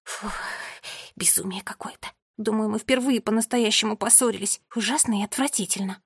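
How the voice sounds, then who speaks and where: Woman reader voicing a storybook girl: bossy, sharp, likes order. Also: fairly high pitch, fairly even intonation, quick pace, breathy edge, dry recording, studio quality. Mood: shaken.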